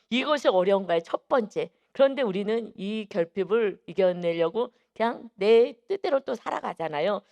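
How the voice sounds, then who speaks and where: A man preaching an early-morning sermon as pastor, telling a story in an animated way full of emphatic fillers. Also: high voice.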